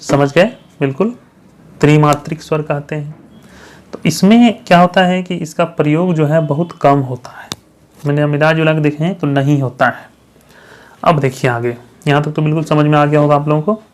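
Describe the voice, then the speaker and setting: Male grammar tutor, somewhat higher-pitched, quizzing his viewers and checking in with them often. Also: moderate pace. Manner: repeats questions to the viewers and answers them himself; checks understanding with frequent "thik hai". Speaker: teacher. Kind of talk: grammar lesson for exam candidates.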